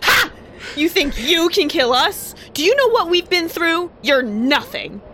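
Woman as defiant scientist, high voice, hugely animated, brash, comic story reading, faint noise. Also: measured pace, heavily acted. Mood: indignant. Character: defiant, indignant scientist hero, brash and confrontational.

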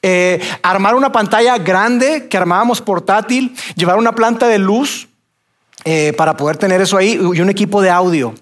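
A man's voice: sits high, moderate pace. A man from Mexico with a Mexican accent, telling a personal testimony with acted-out dialogue and many fillers.

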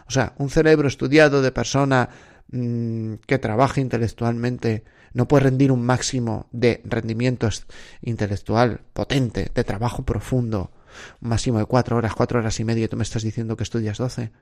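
A man's voice: medium pitch, steady tone, normal speed, a little mellow. A man hosting an unscripted podcast, giving direct, exhorting advice to exam candidates and asking rhetorical questions. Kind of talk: unscripted motivational podcast talk.

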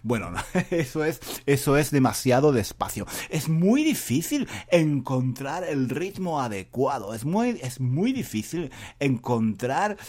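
A middle-aged man with a Spain Spanish accent, a Spanish teacher hosting a podcast, who talks fast, rambles and makes fun of himself in a lively, jokey way. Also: mid-range voice. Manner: rambling and self-mocking, fast talking. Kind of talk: casual podcast monologue for learners.

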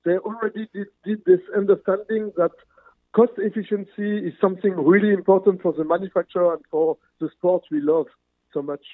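A man's voice: high voice, fairly even intonation, a little fast, no echo. Earnest man on a tinny phone line. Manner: earnest, searching for words with restarts. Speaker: motorsport manufacturer executive guest. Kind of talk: remote interview answers.

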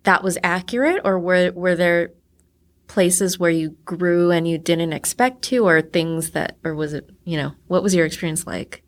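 A woman's voice: on the low side, normal speed. A woman host interviewing a guest, asking long, rambling, curious questions. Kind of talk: conversational interview.

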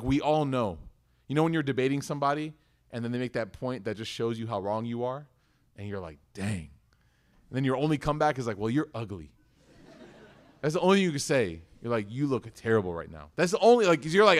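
A man in his thirties giving a lively religious lesson, acting out quoted voices and reciting verses quickly. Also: medium pitch. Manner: lively storytelling, acts out quoted voices, swings from loud to soft. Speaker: Islamic teacher. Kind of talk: animated sermon talk.

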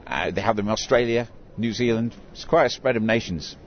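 A man's voice: on the low side, fairly quick. An older man who works as a town crier, telling stories conversationally in an interview. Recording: dull recording with clear background noise.

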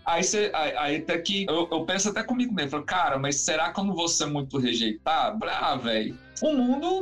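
Chatty man, rambling and animated. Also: high-pitched. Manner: rambling, animated, lots of fillers and restarts. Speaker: musician guest. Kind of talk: casual interview chat.

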